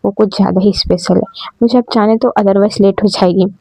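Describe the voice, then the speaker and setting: A woman's voice: mid-range voice, steady tone, fairly quick, creaky, warm tone, dry recording, poor audio. A woman voicing an evasive, eager college girl.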